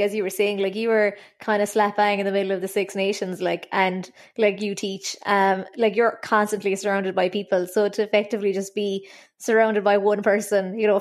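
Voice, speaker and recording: A woman interviewing a guest over a remote call, casual and full of fillers as she asks her questions. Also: medium pitch.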